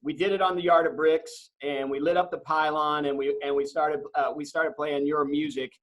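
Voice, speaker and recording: A man's voice: fairly high pitch, level tone, moderate pace, fairly bright tone, poor audio. A man hosting a casual video call interview, joking around and stumbling through his questions with lots of fillers. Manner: joking, hesitant, many fillers. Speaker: interview host.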